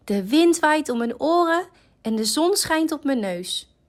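A woman voicing an excited young male frog in a storybook, eager and full of wonder. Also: high voice, unhurried, pitched above the performer's own voice.

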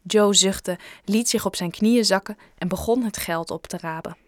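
A woman narrating a children's audiobook in a lively storyteller's manner with playful asides. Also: mid-range voice, normal speed, no echo, clean studio sound.

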